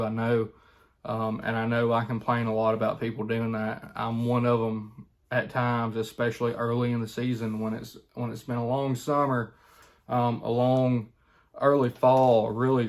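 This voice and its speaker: A man giving a casual, folksy how-to talk, often checking in with the listener as an instructor would. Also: mid-range voice. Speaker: duck calling instructor, video host.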